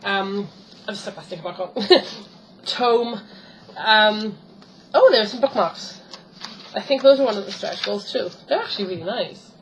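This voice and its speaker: A woman's voice: medium pitch, animated, normal speed, pauses often, a little hiss or hum, poor audio. A woman chatting casually as she unboxes a tarot book, rambling with many ums and self-corrections. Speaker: tarot vlogger.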